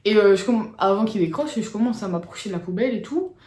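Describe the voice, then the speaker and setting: A woman's voice: mid-range voice, lively intonation, fast talker, warm tone. A woman vlogger telling a story in a casual, slangy, rambling way. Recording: roomy echo.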